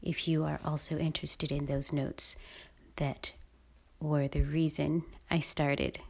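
Slow, low-voiced woman musing breathily. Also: flat delivery, creaky. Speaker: podcast host. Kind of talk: intimate, unscripted podcast monologue.

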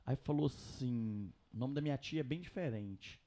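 A young Brazilian man, telling his story casually on a podcast in a slangy, animated way. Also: medium pitch, moderate pace.

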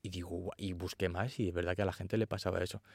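Man, fairly low voice, animated storyteller, dry close sound. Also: rapid-fire, creaky, dry recording. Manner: animated storytelling, acts out quotes. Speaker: actor guest. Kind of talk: casual interview chat.

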